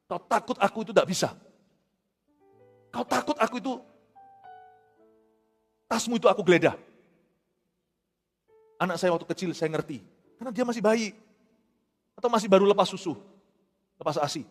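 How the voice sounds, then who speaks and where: A man from Indonesia preaching a sermon as pastor, animated and acting out quotes, with English phrases mixed in. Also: high voice, moderate pace, long pauses, long reverb tail, soft background music.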